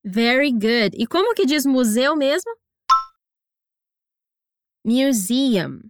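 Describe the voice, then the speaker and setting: Female English teacher, high voice, dry close mic, patient drills. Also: sing-song, no room sound. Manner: encouraging, slow deliberate pronunciation drills. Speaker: English teacher and podcast host. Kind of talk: scripted language lesson narration.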